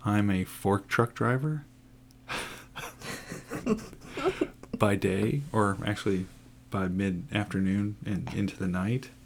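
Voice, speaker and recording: Guy about forty, podcast chat, low gravelly voice, bit of hum behind. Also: steady tone, takes it slowly, pauses often. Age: 40s. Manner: joking, teasing. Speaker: podcast co-host.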